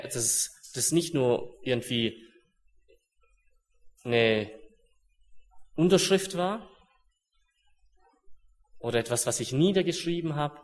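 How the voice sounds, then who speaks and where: A young man with a mid-range voice preaches earnestly, sinking to hushed, solemn words before climbing back to urgent ones.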